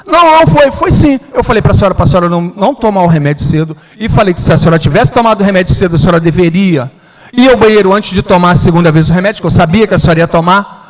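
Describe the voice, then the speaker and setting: A man's voice: sits high, very fast, slight background noise. A man preaching a sermon as pastor. He tells a personal story and acts out the dialogue in it. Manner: storytelling, acts out his own and his mother's lines. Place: church hall. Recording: long hall reverb.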